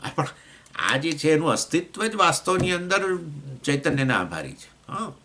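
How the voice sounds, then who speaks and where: Bright-voiced man teaching scripture. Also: big pitch swings, normal speed, slight background noise. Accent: Gujarati. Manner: explains with questions to listeners, acts out voices of elements; pitch swings between raised points and low asides. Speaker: swami teaching Vedanta. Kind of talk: scripture class lecture.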